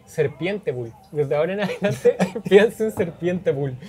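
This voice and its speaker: A man's voice: a little high, expressive, measured pace, a little mellow. A young man, hosting a casual food vlog, chatting to viewers and laughing often, on a lapel mic in a small restaurant. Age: young adult. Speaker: host. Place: small crowded restaurant, indoors.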